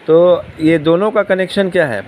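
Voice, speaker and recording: Guy giving a quran lesson, a bit high voice, repeats stuff, asks questions, faint traffic behind. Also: a little mellow. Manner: explains slowly, repeating key words and asking questions. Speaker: religious teacher.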